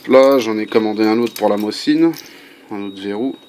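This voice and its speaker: A man's voice: on the low side, moderate pace, darkish tone. Chatty man in a home tutorial. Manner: chatty, many fillers and asides. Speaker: airgun hobbyist demonstrating a part swap. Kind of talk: casual how-to video. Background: faint construction noise.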